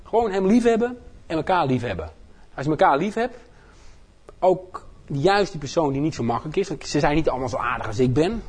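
High-voiced Dutch man preaching informally. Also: expressive, brisk, slightly rough. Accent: Dutch, from the Netherlands. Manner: folksy, joking, self-deprecating. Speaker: missionary speaker preaching at his home church. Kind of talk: informal sermon to a congregation.

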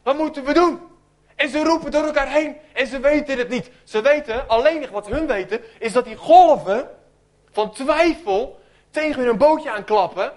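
A man with a strikingly high voice preaching a sermon. He tells the story vividly and acts out its voices, swinging from loud bursts to near whispers. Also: moderate pace.

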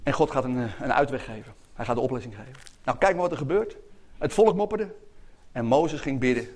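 A man preaching a lively sermon, calling out to the congregation for amens. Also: medium pitch, fairly quick. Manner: animated, calls out to congregation for amens.

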